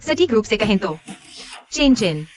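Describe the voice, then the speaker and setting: A woman's voice: medium pitch, sing-song, unhurried. A woman dubbing a cold, vengeful young woman in a drama, with a cool, cutting delivery. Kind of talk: Hindi dub of a short drama.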